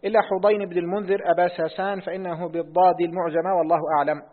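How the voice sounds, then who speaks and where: A man's voice: high-pitched, little pitch movement. A man reading a classical text aloud to his teacher in a lesson, repeating lines when asked. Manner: reads quickly, repeats lines on request. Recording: tinny phone-like audio in a reverberant hall.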